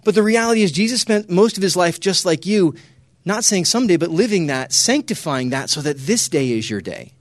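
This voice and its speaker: A man with a high, bouncy voice that swoops up and down gives a youth talk, joking and teasing and often hushing the room. The sound is close and dry. He talks like someone working hard to keep a restless crowd of teens with him. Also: expressive, brisk, dry recording. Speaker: youth speaker. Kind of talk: lively talk to a young audience.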